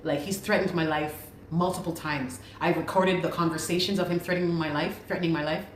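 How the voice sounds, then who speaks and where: A woman's voice: lowish voice, steady tone, fairly quick, a crowd in the background. A woman from Canada making an urgent, pleading appeal to viewers in a self-made video, repeating herself insistently. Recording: echoey room with faint ambience.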